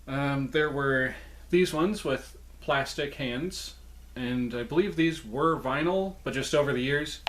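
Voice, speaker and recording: Male collector-presenter, mid-pitched voice, casual show-and-tell delivery, chatty, informal, self-correcting. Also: slow, fairly bright tone, slight background noise. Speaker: presenter showing a puppet collection.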